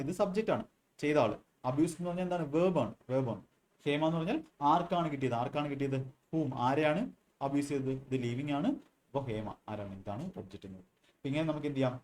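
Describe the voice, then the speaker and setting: A man's voice: on the high side, a little mellow, a little hiss or hum. A man with a Malayali accent teaching an exam-prep English grammar lesson, asking and answering his own questions and repeating key words.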